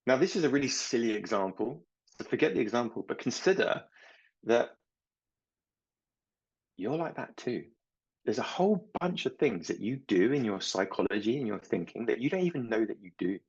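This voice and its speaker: A middle-aged man and mindset coach talking slowly and reflectively, telling small stories about his children. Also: mid-range voice, expressive, breathy edge, muffled recording. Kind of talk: reflective talk to camera.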